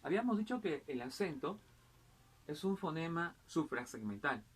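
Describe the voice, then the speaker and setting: A man's voice: fairly high pitch, sing-song, moderate pace, slightly rough. Man teaching, forever asking "¿correcto?". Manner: keeps asking "¿correcto?" and "¿no?", many "eh" and "este" fillers; addresses the student directly in a patient explaining tone. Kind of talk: school grammar lesson.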